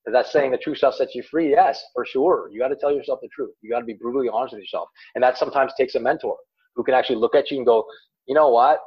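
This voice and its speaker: Guy life coach, rapid and husky, keeps stressing points, a bit lo-fi. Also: mid-range voice. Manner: fast, emphatic, repeats words. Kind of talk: podcast guest talk.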